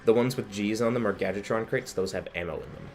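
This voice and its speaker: A man's voice: on the low side, quick pace, darkish tone, faint music behind. A man hosting a casual gaming commentary, chatty and explaining the game as he plays. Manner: chatty, explains game mechanics, laughs a lot. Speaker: let's play host.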